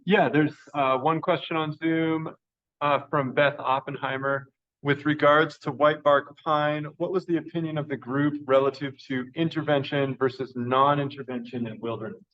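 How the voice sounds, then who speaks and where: A man's voice: fairly high pitch, steady tone, normal speed, dull audio. A man reading out a question sent in online, with a few fillers.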